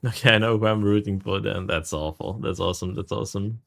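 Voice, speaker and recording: A man's voice: fairly low pitch, fast talker, creaky. A man from Serbia, casually commentating a live game stream, greeting chat and swearing freely.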